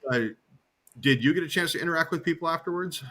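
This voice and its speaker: A man's voice: fairly high pitch, fast. A man co-hosting a live online hypnosis show, telling stage stories with stammered restarts over a video call. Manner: animated anecdote teller, stammering restarts. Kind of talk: casual storytelling chat.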